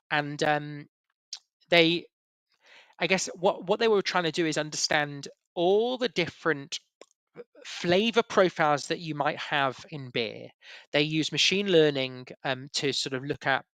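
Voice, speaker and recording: Guy giving a webinar talk, bright voice, kinda high, dry close sound. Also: no echo. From Yorkshire, England. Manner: chatty, many fillers and restarts. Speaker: webinar presenter. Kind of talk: casual presentation.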